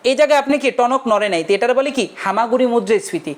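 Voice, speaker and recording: A man's voice: very high voice, animated, very fast. A young male teacher giving a casual online lecture, chatty and forever checking whether his students have understood. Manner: chatty, keeps asking students if they understood.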